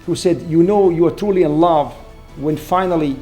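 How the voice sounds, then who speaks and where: Man, higher voice. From Syria. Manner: earnest, measured, grateful. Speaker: award-winning trauma surgeon. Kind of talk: reflective interview. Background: soft background music.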